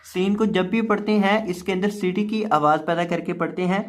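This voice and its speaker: A Quran reading teacher giving a Qaida lesson who spells out syllables slowly and drawn out, then explains the rules more quickly. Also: mid-range voice.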